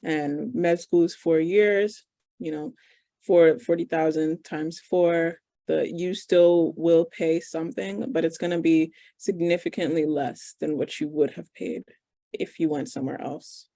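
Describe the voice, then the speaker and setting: A young woman in her twenties answers interview questions as a medical student over a video call. Her voice is dark and gravelly, with a dry sound close to the mic. She talks casually and thinks aloud, with plenty of fillers. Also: sits low, steady tone, measured pace, no echo. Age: 20s.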